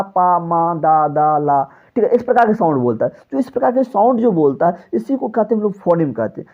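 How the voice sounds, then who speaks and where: A male teacher talks through an exam-prep lecture, posing questions to the class and answering them himself. His voice sinks low at the close of each phrase. The recording is a little dull and lo-fi. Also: breathy edge. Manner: repetitive, asks and answers his own questions; drops pitch on closing phrases.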